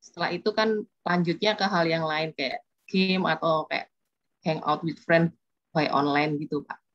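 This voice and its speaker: A woman's voice: sits low, fairly even intonation, unhurried. A woman asking a question in an online webinar, speaking casually and chattily. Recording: dull lo-fi call audio.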